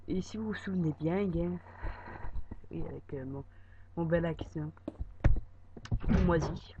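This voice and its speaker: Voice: mid-range voice, a little slow. A French-speaking gamer casually walking viewers through a building project, talking hesitantly with many filler words. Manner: hesitant, filler-heavy, many "voilà" and "euh". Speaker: YouTuber showing a building project. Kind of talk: casual game walkthrough commentary. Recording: dull lo-fi mic with steady noise.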